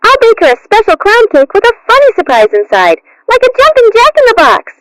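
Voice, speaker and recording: A woman's voice: very high voice, huge pitch swings, a little fast, fairly bright tone, full character voice, low-quality recording. A woman voicing a cheerful, childish clown kitten in a cartoon, like a bubbly children's-show presenter. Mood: friendly, earnest. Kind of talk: cartoon character acting.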